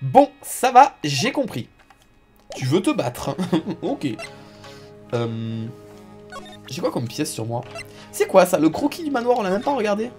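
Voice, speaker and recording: A woman streamer commenting casually and playfully on a game, reactive and quick to swear. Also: fairly low pitch, big pitch swings, a little mellow, soft background music.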